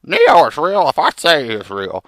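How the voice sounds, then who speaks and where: A man voicing a melodramatic, vengeful frog hero in theatrical comic storytelling, with a gravelly cartoon-like voice. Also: a little high, huge pitch swings, normal speed, fairly bright tone, no echo, clean studio sound. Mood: earnest. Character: melodramatic, vengeful male frog hero telling his journey.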